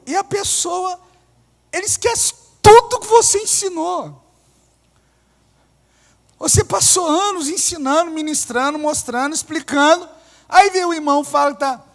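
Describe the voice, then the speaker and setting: Male pastor, very high voice, emphatic sermon with wry low asides, long church reverb. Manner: emphatic, shifting between loud declarations and low asides, humorous. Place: church hall.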